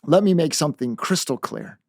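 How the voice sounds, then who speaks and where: A man's voice: on the high side, lively intonation, brisk, creaky, darkish tone, no room sound, studio quality. A man voicing a serious mother who lays down a strict curfew in a firm, clipped way. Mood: stern. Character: stern mother laying down the law.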